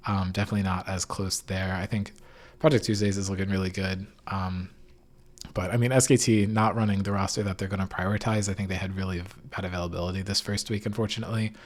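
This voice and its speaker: A deep-voiced podcast host talks fast in a level tone while casually recapping esports, hedging as he goes. His voice echoes off the walls of an unfurnished room at home.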